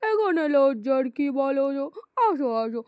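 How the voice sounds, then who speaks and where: Woman voicing a lovesick old landlord, high-pitched. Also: lively intonation, normal speed, darkish tone, no room sound. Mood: doting. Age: middle-aged. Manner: pleading, dreamy and doting. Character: old lovesick male landlord, vain and foolish. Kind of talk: cartoon voice acting. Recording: faint music underneath.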